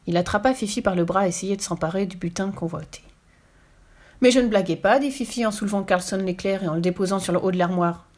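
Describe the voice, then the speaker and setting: Woman storyteller, mid pitch, reading a children's tale aloud with expression. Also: quick pace, hardly any pauses.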